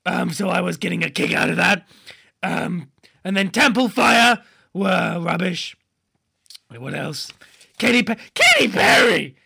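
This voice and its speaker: A man playing a goofy, laddish male superhero in a comic podcast monologue, rambling and excitable, often breaking into shouts. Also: high-pitched, measured pace, gravelly, long pauses, husky, heavily acted.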